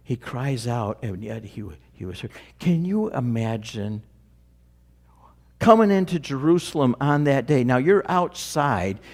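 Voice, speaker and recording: A man preaching a sermon, dramatic in his delivery and dropping to a near hush at key moments. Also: medium pitch, lively intonation, unhurried. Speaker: pastor.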